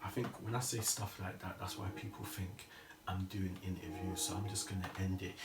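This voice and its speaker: A man's voice: low-pitched, level tone, a little fast. A man hosting a casual motivational podcast, earnest and encouraging, often restarting his sentences. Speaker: podcast host. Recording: echoey room, distant mic, noisy.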